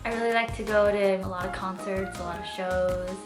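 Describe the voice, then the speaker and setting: In a brisk, medium-pitched voice with fairly even intonation, a Californian woman in her twenties answers questions in a casual Q&A vlog. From Orange County, she works as a nurse and travel vlogger, and her tone is informal and emphatic. Echo fills the room, with faint music behind her.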